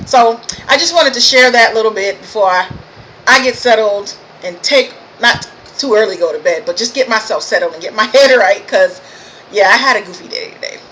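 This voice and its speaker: A woman's voice: mid-range voice, normal speed, sharp tone, slight background noise, poor audio. A tired woman vlogging to camera, chatting casually and laughing at herself as she tells a goofy story about her day.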